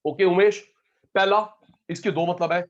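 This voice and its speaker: High-voiced joking male teacher. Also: fairly even intonation, a little slow. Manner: calls students by name, joking, drills terms. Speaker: economics teacher. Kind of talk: online class lecture. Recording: dull lo-fi audio.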